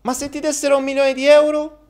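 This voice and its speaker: A man's voice: very high-pitched, little pitch movement, fast talker, a little mellow, voice pushed up. A man voicing a cheeky little boy in a raised, eager voice.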